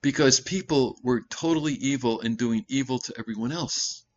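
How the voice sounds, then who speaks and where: A male pastor giving a conversational sermon, breaking into loud emphatic bursts and correcting himself as he goes. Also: mid-range voice, normal speed, dull audio. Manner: animated preaching with sudden loud emphatic bursts; conversational asides and self-corrections.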